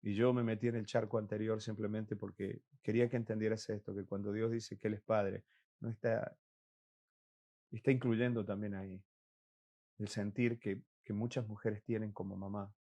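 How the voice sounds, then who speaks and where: A man delivers a church sermon with a low, mellow voice. He preaches earnestly, stressing and repeating his key words and sometimes restarting a phrase as he builds his point. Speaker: pastor.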